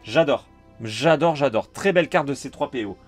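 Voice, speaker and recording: A man with a French accent chatting casually while opening trading cards, calling out each card and getting excited. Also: medium pitch, normal speed, no echo, faint music behind. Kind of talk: casual card-unboxing commentary.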